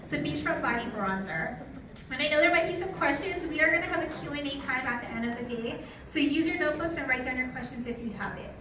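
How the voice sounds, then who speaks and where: In a large hall with a live audience, an American woman who lives in Utah delivers a product training, chatting casually and posing questions to the listeners. She sounds high-pitched, animated and quick, and the sound is noisy, with room echo and a far-off microphone.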